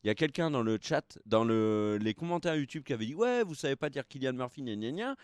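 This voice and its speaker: A tired young man co-hosts a live film news show, rambling through the headlines with plenty of hesitations and filler words in casual live-stream chat. His medium-pitched voice is very animated and fairly quick, with a clean tone and no echo.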